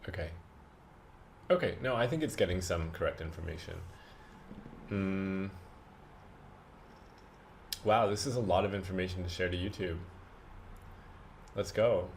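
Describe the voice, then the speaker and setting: A man chatting casually and unscripted for a vlog, rambling and halting, with self-deprecating asides. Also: low-pitched, a little hiss or hum. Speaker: vlogger.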